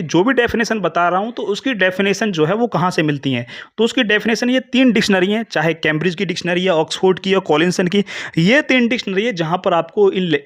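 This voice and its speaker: Indian guy teaching english grammar, explains step by step, reads definitions out slow, voice a bit high. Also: a bit bright. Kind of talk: classroom lecture in Hindi mixing English terms.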